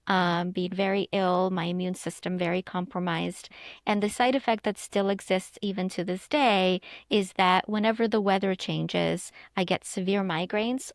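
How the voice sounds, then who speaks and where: Interview guest: Ukrainian-born woman psychologist, earnest explainer, dry close sound, some vocal fry. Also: mid-range voice, dry recording. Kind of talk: interview answers.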